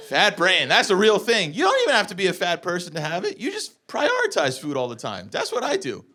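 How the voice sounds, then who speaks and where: A man's voice: high-pitched, wildly swooping pitch, normal speed, pushed and bright. A man in his forties doing a stand-up comedy set, telling brash, profane stories and acting out the quotes. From United States. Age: 40s. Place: comedy club stage before a laughing audience. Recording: live club recording with crowd laughter.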